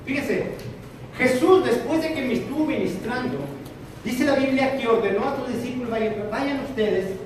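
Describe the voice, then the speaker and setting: A man preaching a sermon to a congregation, animated, swinging between loud and soft. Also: very high voice, moderate pace, slight background noise. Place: church hall with congregation. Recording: echoey hall, from far off. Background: congregation answering.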